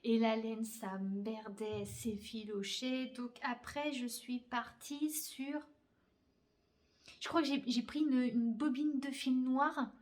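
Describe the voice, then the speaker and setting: Speaking slowly in a slightly high voice with fairly even intonation, a young woman chats about her crochet work. She's a crafting podcaster recording casually in her bedroom, using lots of fillers and blunt slang-laced asides.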